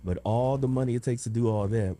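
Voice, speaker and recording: A man's voice: medium pitch, fairly quick, dark tone. A man, hosting a casual real estate chat, teasing his co-hosts and then explaining earnestly. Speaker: podcast host, real estate agent.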